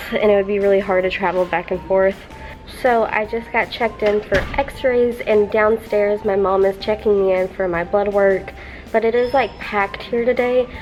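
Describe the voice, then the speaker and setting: A young woman vlogging in a casual, chatty way, filling her talk with "like", her voice still rough from the morning. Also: medium pitch, a little mellow. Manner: chatty, many "like" fillers. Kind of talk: casual vlog chat. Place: indoors at home, then a hospital.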